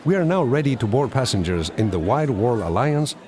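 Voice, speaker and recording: A man's voice: medium pitch, big pitch swings, fairly quick, a little mellow. Polite male airline announcer. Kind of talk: scripted announcement for a listening exercise.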